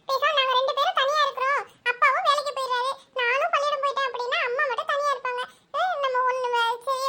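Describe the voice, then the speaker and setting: A woman's voice: very high voice, bright, forceful tone. A woman voicing a chatty, affectionate young daughter in a cartoon.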